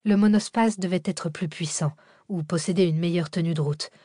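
A woman reads a thriller audiobook in a steady, measured way. Her voice sits on the low side, and the recording is dry and close. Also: dry recording. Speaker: audiobook narrator. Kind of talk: scripted narration.

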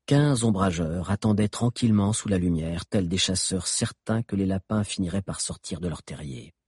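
Husky male narrator, dry close sound, animated storytelling. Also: low-pitched, normal speed, no echo. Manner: expressive, dramatic reading. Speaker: audiobook narrator. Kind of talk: scripted narration.

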